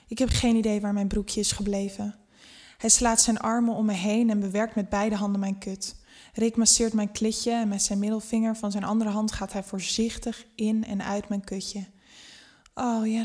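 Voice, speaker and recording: A woman narrates a first-person erotic story, unhurried and intimate. Her reading is scripted and steady, and it drops to a near hush at times. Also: mid-range voice.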